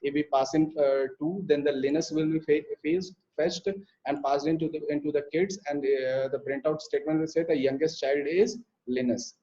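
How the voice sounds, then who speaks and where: A young man teaches a live online programming lesson, explaining code step by step with frequent fillers and restarts. His warm voice is on the high side, with a steady tone and moderate pace. The live stream audio is muffled and lo-fi.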